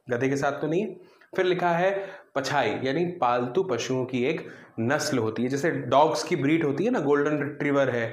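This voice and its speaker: A man teaching a Hindi vocabulary lesson in a friendly, conversational way, often checking in with his students. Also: fairly high pitch. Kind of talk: explaining vocabulary in a class lesson. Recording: echoey room.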